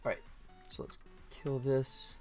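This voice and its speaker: Faint music plays behind a man who, unhurried, streams live as a game developer, casually talking with viewers and mumbling to himself as he works.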